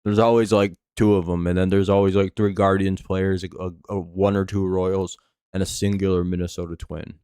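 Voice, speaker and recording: Low-voiced American man with whistling s. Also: flat delivery, moderate pace, dark tone, clean tone, no echo, studio quality. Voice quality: slight lisp with whistling s from false teeth. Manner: rambling, profane, laid-back fan talk. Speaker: live stream sports host. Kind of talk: casual play-by-play commentary and chat.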